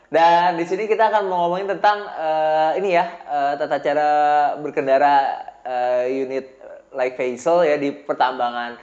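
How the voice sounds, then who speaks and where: A man's voice: on the high side, fairly even intonation, normal speed, darkish tone. A man in his twenties hosting a casual podcast chat, talkative, with many fillers and frequent laughs. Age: 20s. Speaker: host. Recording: roomy, dull lo-fi sound.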